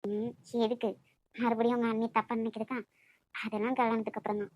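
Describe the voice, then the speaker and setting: A woman plays a playful young sweetheart in a homemade cartoon romance, with a Nagercoil lilt. She coaxes and teases in a fairly high voice. The recording is close and dry. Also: flat delivery, fairly quick, darkish tone, dry recording, lightly acted. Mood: teasing. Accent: Nagercoil Tamil. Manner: playful, coaxing. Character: young woman in love, teasing and affectionate. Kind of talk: cartoon voice acting.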